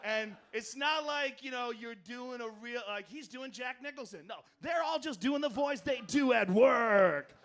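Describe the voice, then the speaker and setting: A man doing stand-up comedy on a club stage, telling a story loudly and profanely, with mumbled asides and shouted punchlines. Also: extremely high pitch, unhurried, hardly any pauses.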